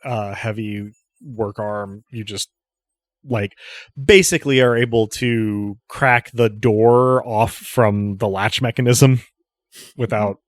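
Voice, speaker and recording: A man acting as game master, improvising casual narration in a halting way, thinking aloud as he goes. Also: on the low side, steady tone, dry recording.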